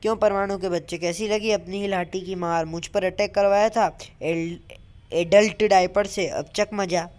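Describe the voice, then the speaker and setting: A woman's voice: medium pitch, fairly even intonation, normal speed, a little mellow, close to an everyday voice. A woman voicing a mischievous young man in a comic voice-over dub, begging and teasing. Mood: gloating.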